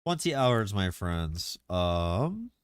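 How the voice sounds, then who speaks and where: A man streaming live, chatting casually and excitably about game mechanics, rambling with lots of filler words. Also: sits low, very slow, smooth, no room sound, clean studio sound.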